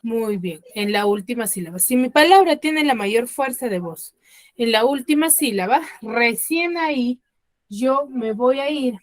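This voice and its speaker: A woman teaching an online class over a computer mic, with a fairly high voice. She keeps quizzing her students and slows down to stress the words that matter. The sound is dry and close, with no room echo. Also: animated. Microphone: computer mic on a video call.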